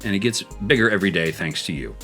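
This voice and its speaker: Male host from South Texas, low voice, playful gameplay chatter and storytelling. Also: lively intonation, fast, bright, forceful tone, soft background music. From South Texas, United States. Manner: chatty and playful, jumping into high exclaims.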